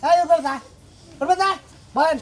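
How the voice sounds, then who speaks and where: A woman's voice: extremely high pitch, unhurried, a little hiss or hum. A woman playing an outspoken village sister-in-law in a rustic comedy, scolding and lecturing. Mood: bossy. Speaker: sister-in-law arranging song lessons.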